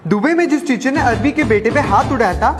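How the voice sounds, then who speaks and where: An actor playing a mischievous student who reads made-up news in a mock-serious way, in a comedy skit. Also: male voice, very high voice, a little fast, over music. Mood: cheeky. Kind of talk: Hindi comedy skit acting.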